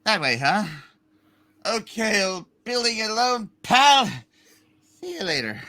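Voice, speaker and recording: A man's voice: high voice, sing-song, slow, pushed and bright, heavily acted. A man playing a jolly, scatterbrained, tipsy old uncle in a hammed-up play reading, rambling and exclaiming.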